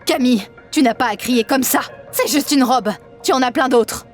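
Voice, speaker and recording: A woman voicing a stern, scolding mother in an animated story, with a reproachful manner. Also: sits high, moderate pace, soft background music, lightly acted. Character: stern scolding mother, favors younger daughter.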